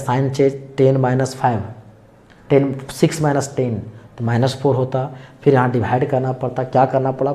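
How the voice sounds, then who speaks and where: A male maths teacher lectures at the board in a mellow, dark voice. He walks through each step and poses questions to the class, then answers them himself. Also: medium pitch. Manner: explains step by step, asks and answers his own questions.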